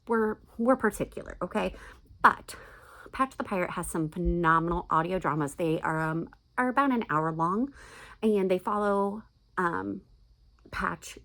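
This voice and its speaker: Her lowish, slightly bright voice carries a casual, emphatic to-camera chat in which this middle-aged American woman, a video blogger, recommends things.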